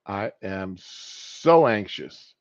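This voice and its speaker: A man who has just woken up hosts a live stream, rambling casually with no hurry at all. His voice sits on the low side with lively intonation. The sound is dull, recorded in a boxy, echoing room.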